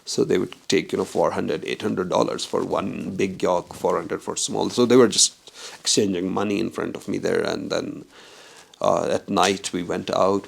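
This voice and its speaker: A man's voice: low-pitched, vocal fry. A man from Pakistan, a documentary filmmaker telling a casual travel anecdote and acting out the quoted dialogue.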